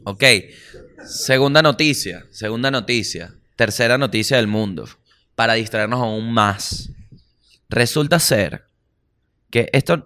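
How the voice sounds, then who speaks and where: A man with a Venezuelan accent hosting a casual comedy podcast, animated, slangy and profane. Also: medium pitch. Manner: animated, slangy and profane, acts out little voices. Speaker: podcast host.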